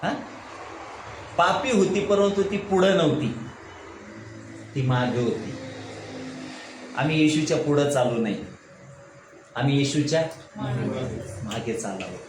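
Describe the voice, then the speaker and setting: A man's voice: mid-range voice, lively intonation, takes it slowly, pauses often. A pastor leading a Bible study. He asks the congregation questions, answers them himself and keeps asking "right?". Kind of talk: Bible study sermon with call-and-response questions. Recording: echoey room with background noise.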